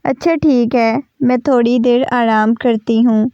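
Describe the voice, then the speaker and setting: A woman's voice: a little high, fairly even intonation, dark tone, clear, resonant tone, dry recording, muffled recording, natural voice. A woman reading as a tearful pleading young mother. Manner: pleading, insistent.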